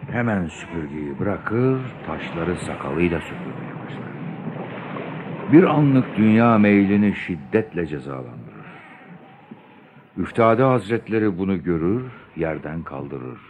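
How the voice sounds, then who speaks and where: A man's voice: sits low, big pitch swings, a little slow. A man playing a patient, pious older father who tells his son a moral tale in a radio drama. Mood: patient, solemn. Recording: clear background noise.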